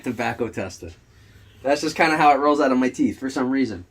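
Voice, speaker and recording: A man's voice: mid-range voice, fast talker. A young man with a New Jersey accent, chatting casually as a podcast co-host in a laid-back, joking way. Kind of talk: casual chat.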